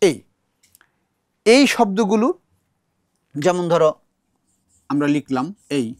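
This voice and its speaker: A Bangladeshi man with a Bangladeshi Bengali accent teaches a recitation class, patiently explaining and repeating words aloud to show how they're pronounced. His voice sits high and is expressive, at a slow pace, with a dry, clean studio sound.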